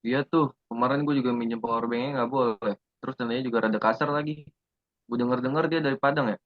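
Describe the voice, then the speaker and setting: A man's voice: medium pitch, fairly even intonation, fast, no room sound, close to an everyday voice. A young man playing a blunt, prejudiced student. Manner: blunt slangy student talk. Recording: dry, slightly muffled.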